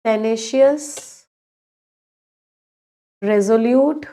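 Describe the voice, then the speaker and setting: Speaking with a fairly high pitch and a dark tone, a woman with an Indian accent teaches English words in a live online class for exam preparation. She mixes Hindi with English, asks the class questions, and pronounces each English word slowly and deliberately.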